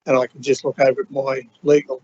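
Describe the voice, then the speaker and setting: A man's voice: mid-range voice, completely flat delivery, quick pace, a little mellow, slight background noise. A man, a council official, giving a formal procedural answer through the chair. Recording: dull lo-fi meeting recording.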